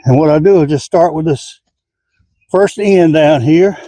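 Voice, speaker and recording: A man's voice: on the high side, unhurried, warm tone, a little hiss or hum. An older man, explaining his garden work step by step in a plain-spoken, folksy way while outdoors. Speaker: home gardener. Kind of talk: casual how-to garden vlog.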